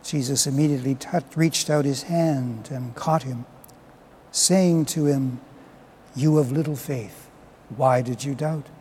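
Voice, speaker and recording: A man, a priest, reading the Gospel and preaching at Mass in a measured, solemn way, his voice carrying a cathedral echo. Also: mid-range voice, darkish tone, slight background noise. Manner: measured, solemn liturgical delivery. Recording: long church reverb.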